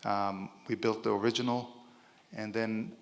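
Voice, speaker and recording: With a lowish, unhurried voice that barely moves in pitch, a middle-aged Israeli-accented man gives the keynote at a conference. His talk to the large room is informal, jokey and full of fillers, and the event hall is reverberant.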